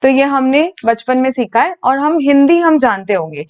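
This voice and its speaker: A woman's voice: high voice, expressive, normal speed, dull audio. A woman from India teaching an English phonetics video lesson, explaining patiently step by step and asking the viewer questions.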